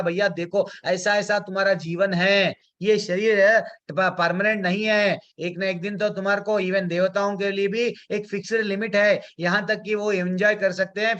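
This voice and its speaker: A man's voice: high voice, fairly bright tone, muffled recording. A man teaching a devotional scripture class, chanting Sanskrit verses and explaining them in chatty, English-mixed speech with many fillers. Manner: conversational, many fillers and restarts. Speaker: spiritual teacher.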